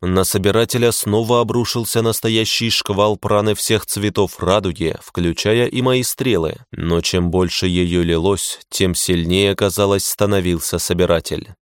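A man reading a fantasy audiobook in a measured, grim first-person narration. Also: deep voice, steady tone, clean tone, dry recording, clean studio sound.

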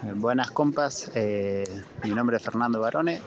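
A man's voice: medium pitch, unhurried. A man with an Argentine accent speaking hesitantly, with many restarts, at an outdoor community gathering. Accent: Argentine Spanish. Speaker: event participant. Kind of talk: vox-pop interview. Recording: lo-fi outdoor field recording with crowd.

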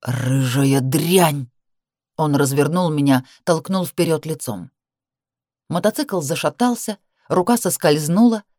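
A woman narrating a romance novel in the first person, in a steady, measured reading. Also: sits low, no room sound, clean studio sound. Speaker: audiobook reader.

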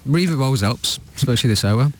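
A man's voice: mid-range voice, lively intonation, fast, darkish tone. A man chatting as a guest on a radio show, joking and laid-back. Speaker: guest musician. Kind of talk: casual radio chat.

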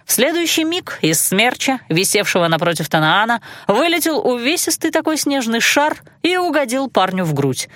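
A woman narrating a fantasy audiobook in the first person, with expressive storytelling. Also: a little high, normal speed, hardly any pauses, dry recording, clean studio sound.

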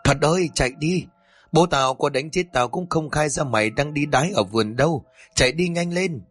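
A man voicing a loyal, foolish village boy shouting a desperate warning. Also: fairly high pitch, moderate pace, breathy edge, dry recording, faint music behind, voice pushed up. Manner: yelling desperately.

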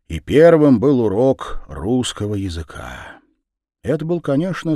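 A man narrating a children's storybook in an expressive, sing-song reading manner. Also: fairly low pitch, no echo, clean studio sound.

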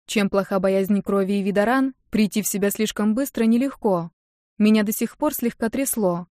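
A woman calmly narrates a first-person audiobook. Her voice sits at an ordinary middle pitch. The sound is dry, with no room echo. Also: normal speed.

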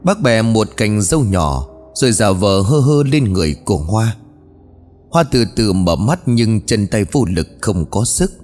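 A man's voice: lowish voice, lively intonation, measured pace, a little mellow. A man narrating a ghost story in a scripted telling, speaking the characters' lines himself. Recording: long reverb with faint music.

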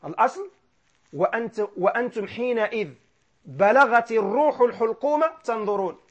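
A man teaching grammar, who asks questions and answers them himself, repeats key terms and slowly recites verses. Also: extremely high pitch, expressive. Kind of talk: classroom grammar lesson. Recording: dull lo-fi lecture recording.

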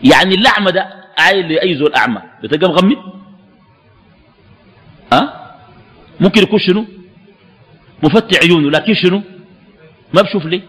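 A man with a Sudanese Arabic accent giving a religious lesson to a live audience, animated and often putting questions to his listeners. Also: high voice, fairly quick, pauses often, in a large hall. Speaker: religious teacher.

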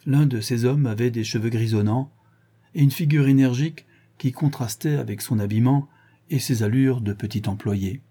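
A man reading a classic novel aloud in measured storytelling narration. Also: medium pitch, mellow, slightly rough. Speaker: audiobook narrator. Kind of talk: scripted narration.

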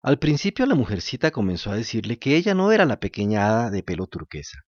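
A man reading a children's story aloud in an expressive storytelling style. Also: fairly low pitch, fast talker, dry recording, highs cut off. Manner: animated, lively storytelling.

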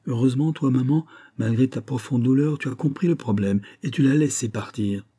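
Man doing a gentle earnest son, soft-spoken, dark husky voice. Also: mid-range voice, brisk, voice pushed up, natural voice. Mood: pleading. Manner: affectionate, pleading.

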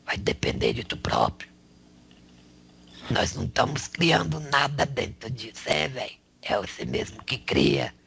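A man channeling a male spirit who preaches in a slangy, raspy whisper, tagging lines with rhetorical questions. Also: medium pitch, huge pitch swings, unhurried, a bit bright, slight background noise, heavily acted. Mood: preaching. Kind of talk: spiritual counsel.

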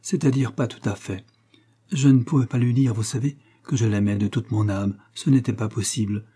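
A man's voice: on the low side, fairly even intonation, moderate pace, dark tone, breathy edge. A man reading an audiobook voices an earnest, lovesick young woman in a raised, pleading tone. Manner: emotional, pleading.

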